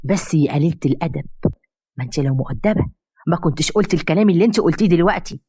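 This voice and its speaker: A woman's voice: deep voice, expressive, racing, mellow, slightly rough, no echo, studio quality. A woman voicing an Egyptian middle-aged mother who is easily swayed and turns harsh on her daughters. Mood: scolding. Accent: Egyptian Arabic.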